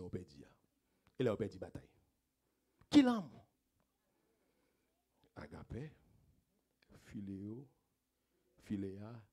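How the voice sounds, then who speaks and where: A man with a Haitian accent preaching a sermon as pastor, swinging between loud emphatic phrases and quiet low asides, with repeated rhetorical questions to the congregation. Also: slightly rough.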